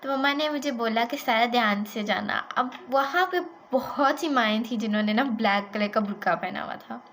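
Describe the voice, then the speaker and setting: A woman with a high voice tells a childhood story in a casual vlog. She is animated and chatty and slips English words into her talk. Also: brisk, slight background noise. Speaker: vlogger.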